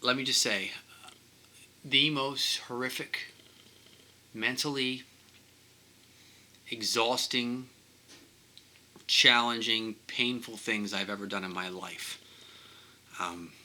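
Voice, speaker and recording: A man telling a personal vlog, halting and emotional, often repeating himself as he speaks. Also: medium pitch, fairly even intonation, bright, forceful tone, poor audio. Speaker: vlogger.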